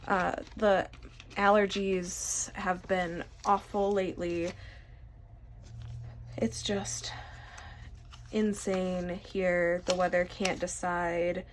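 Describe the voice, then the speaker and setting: A young woman vlogger from Michigan, her nose stuffy, rambles chattily and pokes fun at herself while sorting collectible cards for her channel. Her fairly low voice barely moves in pitch and comes very slowly, with frequent pauses, over a slight hiss or hum.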